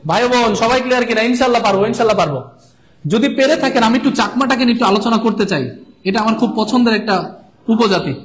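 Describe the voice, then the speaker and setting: A high-pitched man tutors a live online class. He drills each term over and over and keeps asking his viewers whether they follow. Faint noise sits under the voice. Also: very fast. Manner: repetitive, drilling key terms and checking in with viewers. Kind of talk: live-streamed lesson.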